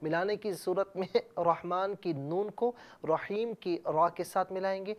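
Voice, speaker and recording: A man's voice: high-pitched, dull audio. A man hosting a TV lesson on Quran recitation, explaining rules carefully and drawing out words letter by letter. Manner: measured teaching, drawn-out letter-by-letter recitation. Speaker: TV Quran teacher and host.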